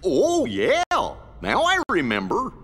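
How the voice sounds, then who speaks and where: A man voicing Goofy, a dopey, good-natured male cartoon dog who talks slowly and stumbles over words. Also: sits high, huge pitch swings, a bit bright, slightly rough, heavily acted. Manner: slow, dim-witted and stammering. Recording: long hall reverb.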